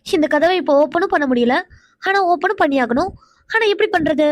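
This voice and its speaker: Woman doing a cartoon young wife, super high thin voice, dry close mic, frets to herself. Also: animated, normal speed, no echo. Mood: anxious muttering. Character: young wife, anxious and heartbroken. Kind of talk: cartoon drama voice acting.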